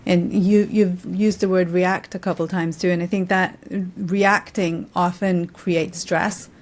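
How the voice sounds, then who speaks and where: A woman's voice: lowish voice, little pitch movement, a little slow, darkish tone. A woman hosting a podcast interview, responding in an affirming, thoughtful conversational way. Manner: affirming, thoughtful, with frequent backchannels. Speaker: podcast host.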